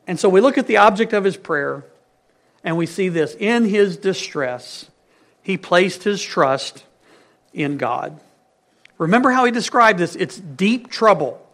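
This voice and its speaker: A man preaching a sermon, stressing key words loudly and dropping to hushed phrases, asking his congregation questions. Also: sits high, lively intonation, a little slow. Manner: emphatic, swings between loud stresses and hushed phrases.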